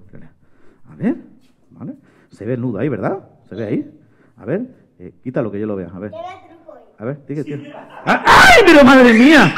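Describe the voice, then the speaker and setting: A young man, a children's magician and storyteller who coaxes and jokes with a young volunteer. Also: mid-range voice. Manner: coaxing, playful, talks to a child volunteer. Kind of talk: live children's show.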